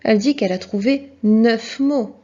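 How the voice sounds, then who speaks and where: A woman's voice: on the high side, moderate pace, warm tone. A woman teaching a children's video lesson, speaking patiently and encouragingly and addressing the child directly. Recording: dull lo-fi sound.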